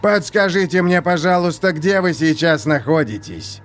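A man's voice: fairly high pitch, normal speed, faint music behind, pitched above the performer's own voice, close to an everyday voice. Man doing a gloating villain warden. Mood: mocking. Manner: theatrical, gloating, mock-polite. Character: scheming, mocking male prison warden villain.

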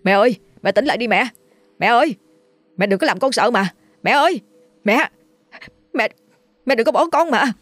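A woman's voice: lowish voice, moderate pace, long pauses, a little mellow, no room sound, faint music behind, natural voice. Woman reader doing a frightened young son in a spoken horror storybook, crying and begging. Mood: panicked. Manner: pleading, tearful cries.

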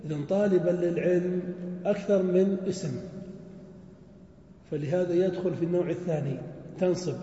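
A man's voice: sits high, fairly even intonation, moderate pace, long pauses, warm tone. A man teaching a grammar lesson, asking questions and drawing out examples in a chanting tone. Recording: dull, echoey hall recording.

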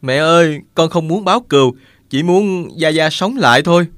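A woman's voice: low-pitched, moderate pace, no echo, clean studio sound, pitched below the performer's own voice, close to an everyday voice. A woman voicing a defiant, grieving young boy in a storybook reading, in an earnest voice. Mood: pleading. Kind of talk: audiobook character voice.

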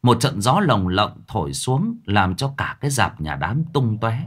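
A man narrating a ghost story in a dramatic, expressive way. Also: on the low side, measured pace.

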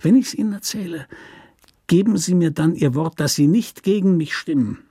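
A man's voice: a little high, normal speed, dark tone, slightly rough, no room sound, studio quality, voice pushed up. A man voicing a tall, hard, gaunt male prisoner with a whining, nasal voice who hisses near-whimpering threats. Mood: wary.

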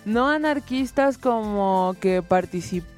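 Female radio host, middle pitch, rambling explainer with fillers. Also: expressive, measured pace, faint music behind. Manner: explains at length with many fillers. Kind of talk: poetry reading and radio chat.

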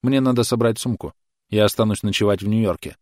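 A man voicing a patient young son who answers his mother softly and wearily. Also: on the low side, quick pace, dry recording, studio quality, close to an everyday voice. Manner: soft, weary.

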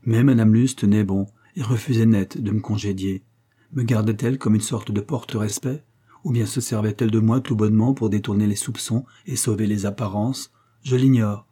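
A man reading a literary short story aloud in a measured, even storytelling manner. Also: on the low side, breathy edge. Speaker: audiobook narrator. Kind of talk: literary audiobook narration.

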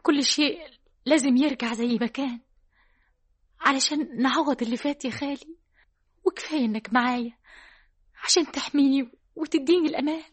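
A woman's voice: high-pitched, brisk, long pauses, dry recording, lightly acted. Laila, an actress playing a pleading young woman. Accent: Egyptian Arabic. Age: young adult. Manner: pleading, soft. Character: young village woman Laila, clinging to her uncle. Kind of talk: vintage radio drama acting.

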